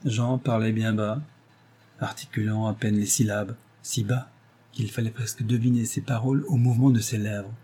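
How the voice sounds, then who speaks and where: Mellow, husky male audiobook narrator. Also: lowish voice, steady tone, normal speed. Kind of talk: scripted narration of a novel.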